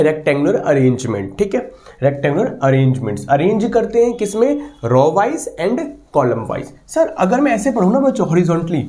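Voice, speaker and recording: A man teaching a maths lesson to students, talking them through each step and often checking with them. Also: sits high. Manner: animated, repeats "ठीक है" and asks students questions. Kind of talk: online maths lesson in Hindi mixed with English.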